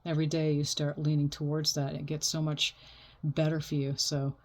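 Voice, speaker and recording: A woman's voice: low voice, level tone, moderate pace, darkish tone. A woman giving an unscripted oracle card reading like a fortune teller, talking in a reassuring, spiritual way.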